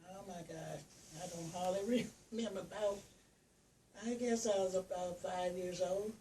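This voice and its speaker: Elderly woman, mellow and distant. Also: fairly low pitch, fairly even intonation, normal speed. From Louisiana. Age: 80s. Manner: short, plain answers with light laughs. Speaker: interviewee. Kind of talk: casual family interview. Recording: roomy, distant mic, faint ambient noise.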